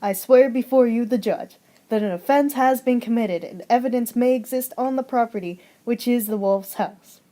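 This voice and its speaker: A stiff, by-the-book police officer, as a young woman puts him on reads out charges in formal legal wording. The delivery sits low and stilted, reading word by word rather than acting, for a homemade story project. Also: normal speed, warm tone, close to an everyday voice.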